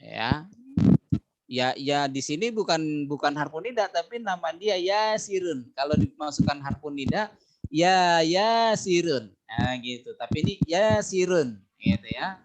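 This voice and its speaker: A man's voice: a little high, animated, normal speed. A man with an Indonesian accent teaching an Arabic class online, patiently drilling words and stretching out each example.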